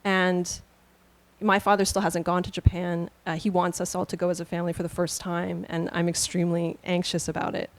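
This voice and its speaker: A woman from Canada answering an audience question at a book launch, thoughtful and halting. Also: fairly low pitch, little pitch movement. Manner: thoughtful, soft-spoken, halting. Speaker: author on a panel. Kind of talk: panel answer at a book reading.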